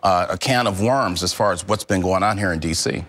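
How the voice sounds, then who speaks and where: A middle-aged man, a former homicide detective, answering questions in a live TV news interview in a measured, emphatic way, stressing key words. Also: low-pitched, fairly bright tone.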